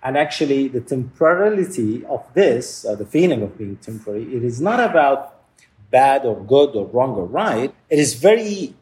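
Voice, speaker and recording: A man from Palestine, speaking as an interview guest, reflective and halting, often searching for words and restarting. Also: medium pitch, big pitch swings, darkish tone, a little hiss or hum.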